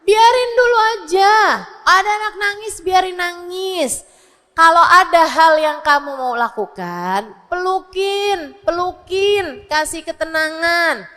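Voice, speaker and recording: A woman in her forties preaching to mothers, lively and conversational, acting out quotes of parents and children. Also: very high-pitched, takes it slowly. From Indonesia. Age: 40s. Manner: animated, acts out mothers and children in quoted voices. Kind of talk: religious lecture to women. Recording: long reverb of a hall.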